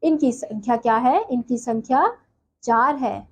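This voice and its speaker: A woman's voice: a little high, expressive, unhurried, a little mellow, breathy edge, low-quality recording. A woman teaching a Hindi grammar lesson, who asks her class questions and answers them herself.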